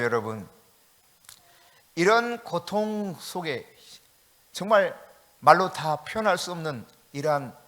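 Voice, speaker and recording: Impassioned high-voiced Korean pastor preaching. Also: male voice. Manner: dramatic swings from shouting to hushed. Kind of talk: sermon.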